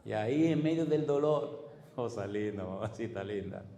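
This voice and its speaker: A pastor with a Dominican Spanish accent, preaching a sermon with fervent, rising exclamations and pointed rhetorical questions. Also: male voice, on the low side, animated, moderate pace, dark tone, echoey room, long reverb tail, a little hiss or hum. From Dominican Republic.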